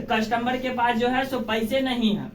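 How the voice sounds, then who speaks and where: In a classroom, a male teacher with a Bihari accent explains his lesson in simple, colloquial language, speaking in a very high voice with fairly even intonation at a measured pace. He repeats key phrases and keeps prompting his pupils with questions. The recording is echoey, captured at a distance from the mic.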